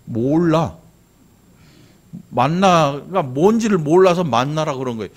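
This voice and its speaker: Man preaching a sermon, middle-aged, slightly high voice, lively delivery, asks the congregation questions. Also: a little slow. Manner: lively, conversational preaching with sudden loud and soft turns; asks the congregation questions, imitates regional dialects. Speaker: pastor.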